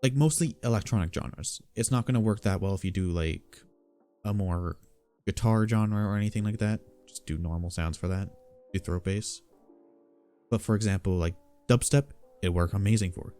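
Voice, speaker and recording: A man giving a casual spoken beatbox tutorial, explaining in a relaxed, matter-of-fact way. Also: lowish voice, normal speed, soft background music.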